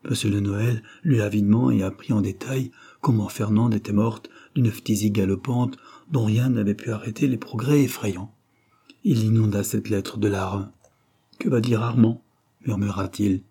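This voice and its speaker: A man with a French accent narrating a classic novel in a measured, expressive reading. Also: on the low side, husky. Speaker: audiobook reader.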